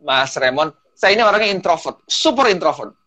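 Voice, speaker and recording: A man with a high voice chats as a guest public speaking trainer. He tells stories with energy and drops English phrases into his talk. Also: a little fast. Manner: animated storyteller, mixes in English phrases. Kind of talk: casual talk-show chat.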